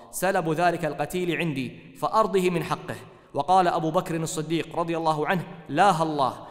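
A man reading religious texts aloud in a steady, formal way. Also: a little high. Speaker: reader of hadith texts. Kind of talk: formal text recitation. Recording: hall with long reverb.

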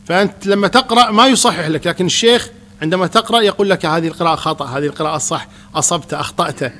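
A man, a Quran teacher calmly answering questions in a religious lesson. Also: high-pitched, very fast, slight background noise.

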